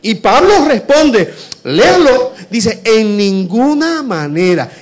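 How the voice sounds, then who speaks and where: A man preaching a sermon, asking rhetorical questions and swinging between loud emphasis and hushed lines. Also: very high-pitched, very animated, takes it slowly.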